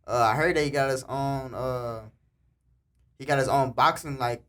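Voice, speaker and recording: A man's voice: mid-range voice, fairly bright tone. A young man, a boxer, chatting casually as a podcast guest and agreeing often. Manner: quick, agreeable, lots of "yeah". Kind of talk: casual interview chat.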